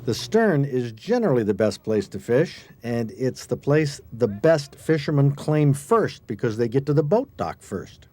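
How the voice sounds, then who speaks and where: A man's voice: medium pitch, very animated, a little slow, few pauses, darkish tone. An American man narrates a scripted outdoor feature as a reporter and host, in a folksy, conversational way.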